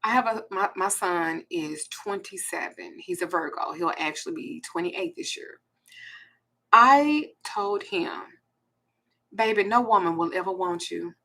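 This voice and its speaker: Blunt, bright-voiced woman in her forties. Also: lowish voice, measured pace. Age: 40s. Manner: blunt, profane and emphatic. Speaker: host. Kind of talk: ranting monologue.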